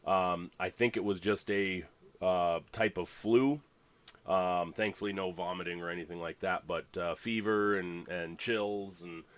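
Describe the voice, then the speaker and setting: Male league host, congested, low-pitched, loose rambling livestream chat with fillers. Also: a bit bright. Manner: rambling, full of fillers and restarts.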